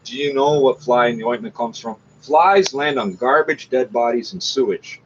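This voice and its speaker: Reacting to a radio show being played, a male commentator rants off the cuff in a combative, scornful and profane way. His voice is medium-pitched at a moderate pace, and the lo-fi recording sounds muffled with faint noise.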